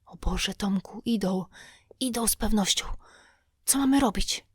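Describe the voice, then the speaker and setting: A woman voicing a terrified, superstitious boy in an audiobook, speaking in a breathy, quavering whisper. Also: mid-range voice, measured pace, no room sound, clean studio sound. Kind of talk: audiobook character voice.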